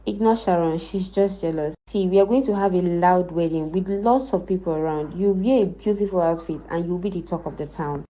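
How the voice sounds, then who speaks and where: Woman doing a sister standing up for her sis, low dark voice, lo-fi. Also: fairly quick, hardly any pauses, lightly acted. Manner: scolding, supportive. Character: protective young sister. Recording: dull lo-fi recording.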